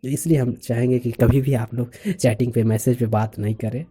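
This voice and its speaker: Male vlogger, husky and very dark tone, chatty explainer who stresses his examples. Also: medium pitch, steady tone, moderate pace. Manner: chatty, laughs now and then, stresses example phrases. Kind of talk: casual explanatory monologue.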